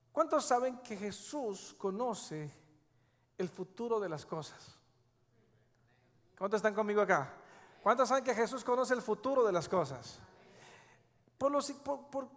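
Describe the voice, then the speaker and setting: A male pastor preaching a sermon, emphatic and repeating his key phrases. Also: sits high. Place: church sanctuary. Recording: long church hall reverb.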